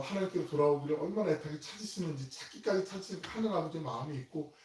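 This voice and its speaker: Middle-aged pastor in an echoing church hall. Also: male voice, fairly high pitch, a little hiss or hum. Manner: acts out biblical figures' complaints in lively quoted speech. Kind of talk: sermon. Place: church sanctuary. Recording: roomy church hall, distant mic.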